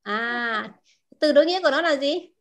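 A woman teaching a language class, repeating words slowly and asking her students questions. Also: sits high, expressive, fairly bright tone. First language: Vietnamese. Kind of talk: explaining vocabulary to a class.

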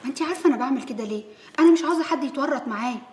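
Actress as a worried young Egyptian woman, quick and slightly high, roomy echo. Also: a little mellow, close to an everyday voice. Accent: Egyptian Arabic. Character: anxious young woman engineer.

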